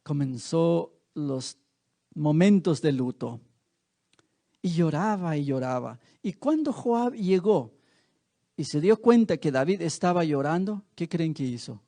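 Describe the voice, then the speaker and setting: A male preacher with a high, very lively voice delivers a sermon in a church. He speaks slowly and tells the story dramatically. He often turns to the congregation with rhetorical questions.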